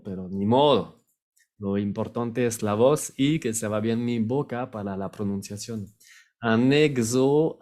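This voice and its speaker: Slow, patient French-accented male teacher. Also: medium pitch, darkish tone. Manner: patient, repeats each word slowly. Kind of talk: online language lesson. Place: on camera, recording a video lesson.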